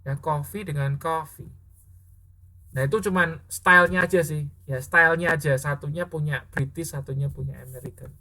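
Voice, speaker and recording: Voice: medium pitch, steady tone, normal speed, sharp tone. Chatty teacher checking in with tag questions. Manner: mixes spoken English example sentences into explanation; self-correcting, thinking aloud. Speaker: English teacher. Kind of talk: casual classroom explanation.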